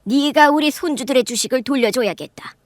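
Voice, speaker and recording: An imperious elderly chairwoman hands down demands in a radio drama, voiced by a woman. Her tone is commanding and high. The sound is close and dry. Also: brisk, no room sound, close to an everyday voice.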